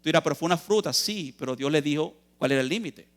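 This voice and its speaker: Man, youth preacher, emphatic sermon, fairly high-pitched voice, rhetorical questions. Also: expressive, fast. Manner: earnest, emphatic, asks and answers questions; addresses listeners as brothers. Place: church youth meeting.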